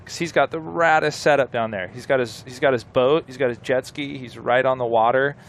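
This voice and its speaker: A man co-commentating a surf contest in casual chat, with relaxed surfer slang. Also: medium pitch, a little fast, gravelly. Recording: outdoor background noise.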